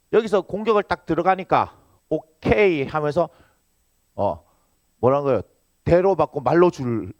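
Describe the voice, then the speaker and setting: A male pastor delivers a sermon in a high, lively voice that leaps around as he teases the congregation. He fires rhetorical questions at them. The sound is close and dry. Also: no room sound. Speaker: senior pastor.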